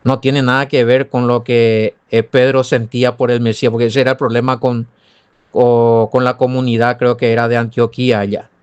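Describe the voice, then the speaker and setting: A man from Paraguay, a pastor with a Paraguayan Spanish accent, comments on the Bible and responds to listener remarks by firing animated rhetorical questions straight at them. His mid-range voice is clear and resonant at a normal speed, though the sound is lo-fi.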